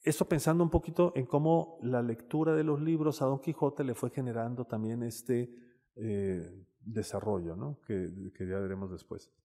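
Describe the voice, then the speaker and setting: A man's voice: mid-range voice, moderate pace, warm tone. A man with a Mexican accent giving a casual, conversational lecture with slides as a panelist, often tagging on "¿no?". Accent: Mexican Spanish. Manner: conversational, peppers speech with "este" and "¿no?". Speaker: panelist speaking on literature and mental health. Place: lecture room at a university campus. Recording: reverberant hall sound.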